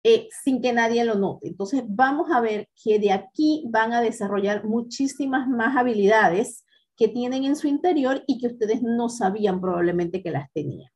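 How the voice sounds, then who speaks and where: A woman teaching a class on public speaking in a methodical, encouraging way, often pausing with hesitant fillers. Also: a little high, animated, darkish tone. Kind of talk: instructional talk to students.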